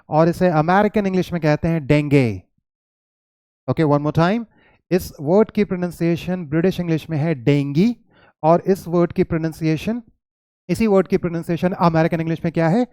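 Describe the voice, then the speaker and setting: Indian man, english teacher, fairly high voice, mellow tone, repeats words slowly, dry close sound. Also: clean tone, dry recording. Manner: patient, repeats words slowly to model pronunciation; mixes Hindi with English words and phrases. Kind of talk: classroom lesson explanation.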